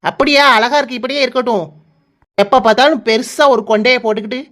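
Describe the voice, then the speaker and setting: A woman's voice: on the high side, fast, a bit bright, natural voice. A woman voicing a chatty, teasing village neighbour in a cartoon, with a Kanyakumari Tamil accent. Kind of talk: cartoon voice acting.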